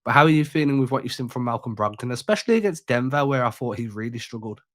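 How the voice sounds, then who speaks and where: A man's voice: medium pitch, expressive, fast, a bit bright, no echo, studio quality. A man hosting a casual sports podcast, sick and congested, talking in a laid-back, slangy way. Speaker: podcast host.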